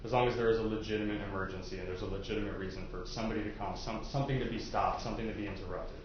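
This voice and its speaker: A man addresses prospective jurors as a lawyer, explaining and asking questions in an informal, halting way, hedging often with "I guess" and "you know." His voice is on the low side with fairly even intonation. The indoor courtroom recording sounds echoey and dull, with faint noise.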